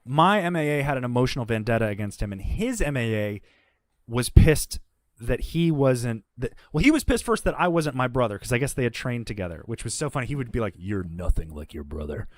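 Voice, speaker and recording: As a guest in a relaxed chat, this man tells stories bluntly and animatedly, cursing often. His mid-range voice moves briskly, and the recording is dry.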